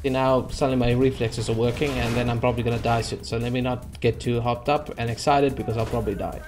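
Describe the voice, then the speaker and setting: Young man, let's play commentary, sarcastic, frustrated, mid pitch, desk mic, faint game music behind. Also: little pitch movement, fast talker. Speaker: gaming channel host. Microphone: desk microphone.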